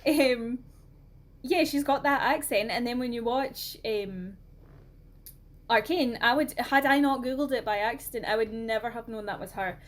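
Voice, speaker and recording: A Scottish woman with a somewhat high voice talks on a podcast. She chats in a relaxed, expressive way about films she has watched. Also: normal speed. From Scotland. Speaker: podcast co-host. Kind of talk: casual film discussion.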